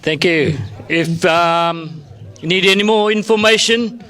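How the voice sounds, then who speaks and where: A man's voice: sits high, a little slow, sharp tone, clear, resonant tone. A man speaking casually as a tour guide, announcing to a group at a festival.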